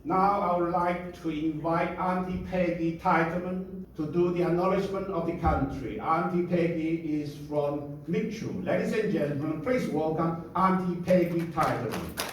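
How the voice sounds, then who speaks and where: A man's voice: on the high side, normal speed, a little hiss or hum. A man acting as master of ceremonies, reading out guest names and titles in a formal way with brief asides at an outdoor community event. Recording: echoey PA sound from a distance.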